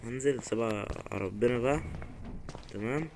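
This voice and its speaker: Egyptian man, horror game commentary, mid-pitched, jittery mutterer, loud background noise. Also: a little fast. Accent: Egyptian Arabic. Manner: jittery, muttering prayers, sudden scared yelps. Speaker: gaming YouTuber.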